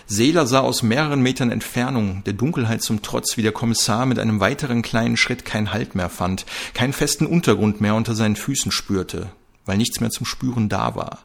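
A man's voice: lowish voice, brisk, gravelly. A man reading a crime story aloud, narrating with drama.

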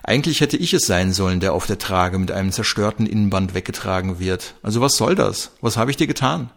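An insistent, indignant undercover detective in a crime audiobook, voiced by a male narrator. Gravelly and low underneath, pushed up and louder. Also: lively intonation, a little fast.

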